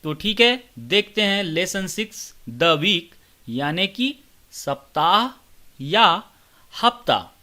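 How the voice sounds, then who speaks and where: A man's voice: high-pitched, big pitch swings. A man teaching young children, reading a short English poem word by word and explaining it simply. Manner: reads each English word slowly and deliberately; addresses children warmly and simply.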